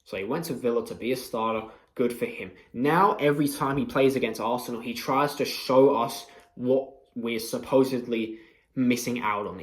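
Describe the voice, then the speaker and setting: A man's voice: fairly low pitch, echoey room. A young man giving a passionate, mocking post-match reaction as a fan channel host. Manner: passionate, swearing, mocking rivals.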